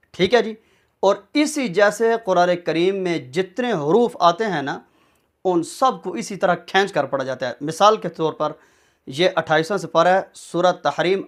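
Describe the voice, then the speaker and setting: A man teaching Quran pronunciation in a patient way, drawing letters out slowly and checking in often. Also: fairly high pitch. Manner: patient, repeats letters slowly and drawn out, checks with "theek hai". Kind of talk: Quran recitation lesson.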